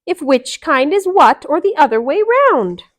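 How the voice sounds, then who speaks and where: A woman's voice: sits high, very animated, unhurried, voice pushed up. A woman voicing a snooty, boastful beaked creature in a children's storybook, exclaiming in a haughty manner. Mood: dismayed.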